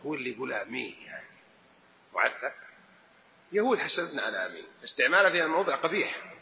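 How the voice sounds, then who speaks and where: A man, a religious scholar, delivers a lesson with emphasis and acts out the phrases he quotes. His voice sits at a middle pitch and carries a long reverb from a large hall. The recording is dull and lo-fi with a faint hiss underneath. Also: sing-song, fast talker, creaky. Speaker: religious scholar answering questions.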